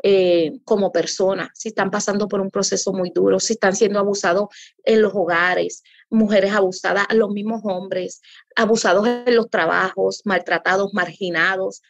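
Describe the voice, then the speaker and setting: A woman's voice: mid-range voice, steady tone, moderate pace, dry recording. A woman pastor speaking earnestly as an interview guest, in a preacherly way that repeats for emphasis. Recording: dull lo-fi audio.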